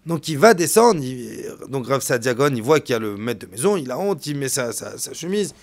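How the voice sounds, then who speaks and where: A man, a rabbi, delivering a storytelling sermon, swinging from hushed to loud. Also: medium pitch, very animated, moderate pace.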